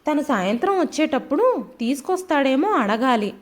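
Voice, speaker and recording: A frail elderly father in an audio storybook, speaking softly and pleading, as a woman narrator puts him on. His lines come gentle and humble. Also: sits high, sing-song, moderate pace. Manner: soft, pleading.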